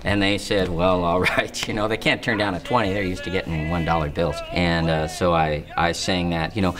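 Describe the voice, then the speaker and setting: Low-voiced man telling stories haltingly. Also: fairly even intonation. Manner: halting, with many restarts and fillers. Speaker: harmonica player and singer interviewed. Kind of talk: interview storytelling.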